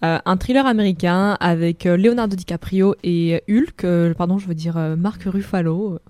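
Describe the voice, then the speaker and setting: An eighteen-year-old woman hosts a radio film segment from a studio microphone, chatting casually and joking playfully as she lists films. Her voice is fairly low and darkish, at a moderate pace, with no echo.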